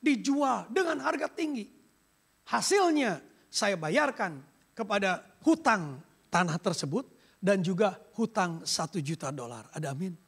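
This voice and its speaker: A man's voice: high-pitched, sing-song, unhurried, gravelly, a bit bright, slightly rough. A man preaching a sermon as pastor, emphatic and dropping English phrases into his talk. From Indonesia. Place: church sanctuary.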